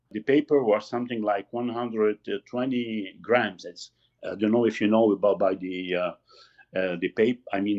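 Older man, 60s, halting guest who searches for words, mid pitch, slightly muffled lo-fi recording. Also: darkish tone. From Lebanon. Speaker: magazine founder, guest. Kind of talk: casual interview talk. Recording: slightly dull lo-fi audio.

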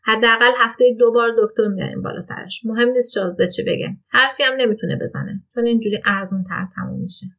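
A woman's voice: a little high, fairly bright tone. Woman narrator doing a grumbly frail old man, anxious, storybook read. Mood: eager. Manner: grumbling, agitated, fast when worked up. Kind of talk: storybook reading.

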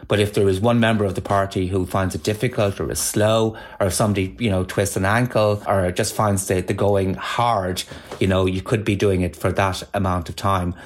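A man with a lowish voice and a west of Ireland accent talks as an interview guest. He explains in a measured, discursive way, conversational and anecdotal. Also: steady tone. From Galway, west of Ireland.

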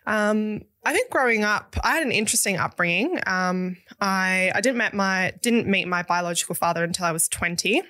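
A woman's voice: mid-range voice, expressive, normal speed, hardly any pauses, sharp tone, no room sound, clean studio sound. A young woman from Western Australia, a business founder speaking frankly and reflectively as an interview guest. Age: young adult. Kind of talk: candid interview talk.

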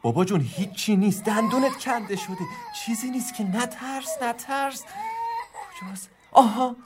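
A woman's voice: on the high side, lively intonation, close to an everyday voice. A woman acting a panicked parent who comforts a hurt child, frantic and pleading, close to tears. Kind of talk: dramatized sketch. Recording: music playing underneath.

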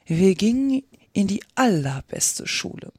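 A reader voicing a sad, sighing mock turtle, speaking slowly and plaintively in a storybook reading. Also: mid-range voice, big pitch swings, warm tone, husky, dry recording, clean studio sound. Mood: mournful. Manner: slow, drawn-out, plaintive. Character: mournful sighing mock turtle from a fairy tale. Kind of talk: reading a children's classic aloud.

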